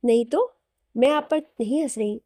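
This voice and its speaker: A woman voicing a hurt but loving young wife who speaks softly and emotionally. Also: sits high, normal speed, no echo, studio quality, natural voice. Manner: soft, pleading, emotional.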